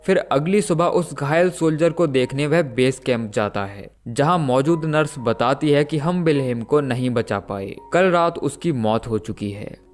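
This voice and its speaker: A man narrating a film recap as a steady, scripted story. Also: medium pitch.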